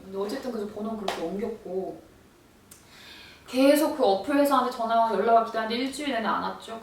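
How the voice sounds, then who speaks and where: A young woman vlogger telling a story in an animated, exasperated way, acting out quoted lines. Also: mid-range voice, a little hiss or hum. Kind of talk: storytelling vlog. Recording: echoey room, voice from far off.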